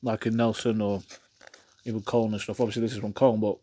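A man's voice: on the low side, flat delivery, a little fast, dark tone. Give me a man talking with his mouth full. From England. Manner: rambling, repeats himself, enthusiastic about food. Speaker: food reviewer. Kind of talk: casual food review vlog.

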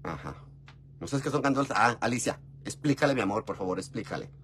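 A man's voice: fast, slight background noise. Chatty Mexican man telling a story. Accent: Mexican Spanish. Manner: chatty and gossipy, often calls the listener "mi amor"; expressive, with big jumps in pitch and volume. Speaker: vlogger. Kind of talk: casual storytelling chat.

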